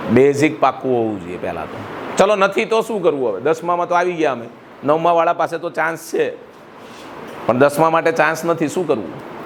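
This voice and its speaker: A man's voice: fairly high pitch, animated, a little fast, background noise. A middle-aged man with a Gujarati accent, a school director giving a motivational speech to students and throwing questions at the room. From Gujarat, India. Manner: rhetorical, quizzes the audience. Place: school hall.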